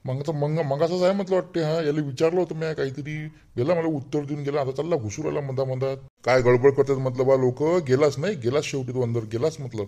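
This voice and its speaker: A man's voice: a little high, steady tone, fast, hardly any pauses, dark tone, natural voice. A man doing a rambling village man with a Vidarbha accent. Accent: Vidarbha Marathi. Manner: rambling, grumbling, talks to himself. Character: chatty village man, fussy and self-righteous. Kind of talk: cartoon voice acting.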